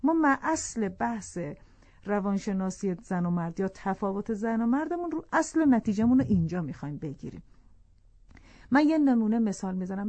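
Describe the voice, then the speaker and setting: A woman's voice: mid-range voice, mellow, dry recording. A woman explaining the psychology of couples on a talk show in an earnest, lecturing way, restating her points for emphasis. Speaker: family psychology expert.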